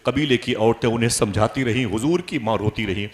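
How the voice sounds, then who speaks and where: A man preaching a devotional sermon, telling a sacred story with impassioned oratory that swells into loud declaiming and recited verse. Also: medium pitch, fairly quick. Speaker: Islamic preacher.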